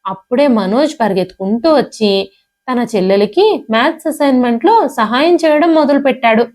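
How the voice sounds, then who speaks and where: A woman's voice: on the high side, lively intonation, normal speed, darkish tone. Woman narrating a family story.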